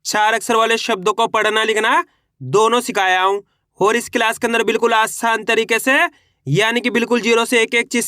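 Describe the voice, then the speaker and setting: Guy teaching kids to read, spells out each sound then says the word, bright tense voice. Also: high voice, no echo, studio quality. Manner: sounds out syllables one by one, repeats words for pupils; encouraging, addresses viewers as friends. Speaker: Hindi reading teacher. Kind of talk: online reading lesson.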